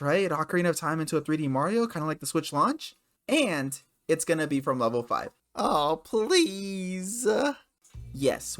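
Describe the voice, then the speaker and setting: A man's voice: fairly high pitch, a bit bright. A man casually talking through his gaming predictions, sarcastic and swearing freely. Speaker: gaming video creator.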